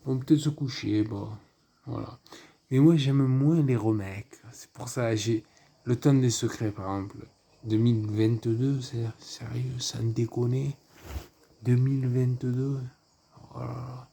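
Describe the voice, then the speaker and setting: A man's voice: mid-range voice, fairly even intonation, unhurried, gravelly, warm tone, husky. A man giving a casual, rambling film review, full of asides and fillers.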